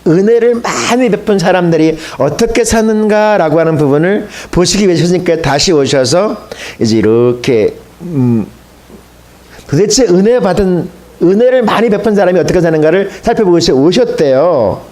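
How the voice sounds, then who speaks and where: A man's voice: high voice, lively intonation, moderate pace, a little mellow. A man pastor preaching a sermon, telling a story in a colloquial way and addressing the congregation.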